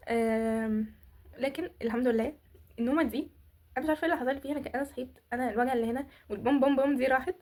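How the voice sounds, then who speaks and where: Rapid-fire teenage Egyptian girl vlogging. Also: fairly high pitch, a little mellow. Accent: Egyptian Arabic. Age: teens. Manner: rambling, candid storytelling with frequent restarts and fillers. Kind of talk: casual chat to camera.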